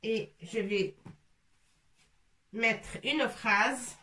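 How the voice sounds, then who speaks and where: A woman teaching letters in French, slowly repeating each syllable for the learners. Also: fairly high pitch, bright, forceful tone, distant mic. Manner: repeats sounds slowly and drills syllables one by one. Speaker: Arabic teacher. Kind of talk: slow, patient letter-by-letter pronunciation lesson. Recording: echoey room, voice a bit off-mic, faint noise.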